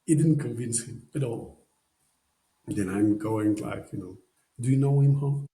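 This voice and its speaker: Speaking a little slowly in a warm, medium-pitched voice, a man from Poland rambles through a story as a podcast guest. His Polish accent shows in non-native phrasing, he fills the gaps with plenty of "you know," and the recording has a roomy feel.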